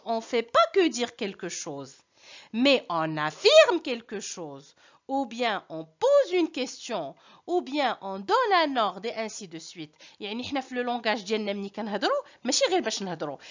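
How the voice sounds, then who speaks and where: Moroccan woman, French teacher, high lively voice, dull lo-fi audio. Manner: switches between French and Moroccan Arabic, slow deliberate stress on key terms. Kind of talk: language lesson.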